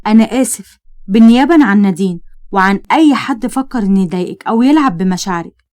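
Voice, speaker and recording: A woman's voice: mid-range voice, lively intonation, fast, a little mellow, lightly acted. Bossy young Egyptian cousin, as a woman reads him. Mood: tender. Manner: scolding, threatening. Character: bossy protective young man, her cousin.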